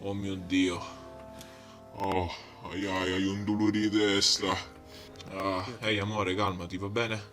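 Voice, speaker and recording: A man's voice: low-pitched, level tone, takes it slowly, pauses often, music in the background. A man with a Sicilian accent dubbing a foul-mouthed, panicky character in a comic amateur dinosaur adventure spoof. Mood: shaken. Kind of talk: comic amateur dialect film dub.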